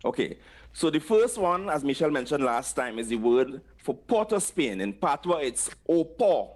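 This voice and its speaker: A man's voice: mid-range voice, sing-song, moderate pace. A man teaching patois place names, patiently repeating each word for others to echo.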